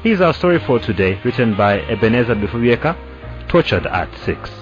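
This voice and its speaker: Guy hosting a radio show, steady clear announcing, music playing behind, muffled sound. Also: medium pitch, a little fast. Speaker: radio presenter.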